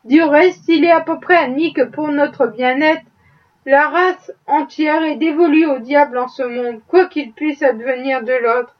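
A woman reading the part of a sardonic middle-aged Southern gentleman, arguing in an ironic, worldly way. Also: high voice, fairly even intonation. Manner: ironic, worldly, unhurried argument. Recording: dull, distant-sounding audiobook recording.

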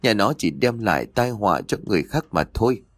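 A man's voice: on the low side, very animated, brisk, fairly bright tone, no room sound, clean studio sound. A man voicing a grieving older mother in a horror audiobook, tearful and scolding. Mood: bitter.

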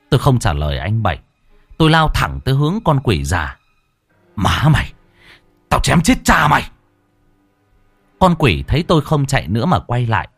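Brief: male horror storyteller, dramatic and animated, dry close mic. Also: medium pitch, dry recording. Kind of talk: first-person ghost story narration.

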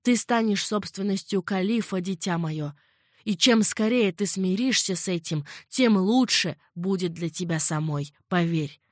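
A woman reading an audiobook, voicing a worldly old female servant who speaks calmly and patiently. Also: mid-range voice, a little slow, no echo, clean studio sound, close to an everyday voice. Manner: unruffled, coaxing and patient.

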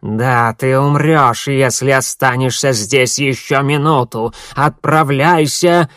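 A man in an audiobook voicing a sinister old woman with a creaky, hoarse voice, speaking slowly and insistently. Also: mid-range voice, a bit bright, dry recording, studio quality. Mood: persuasive. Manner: slow, pleading, insistent questioning. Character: sinister croaking old woman, undead messenger. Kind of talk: audiobook narration.

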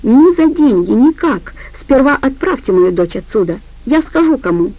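A woman's voice: medium pitch, moderate pace, warm tone, no room sound, natural voice, low-quality recording. A woman voicing a desperate young female doctor, frantic and pleading, in an audiobook.

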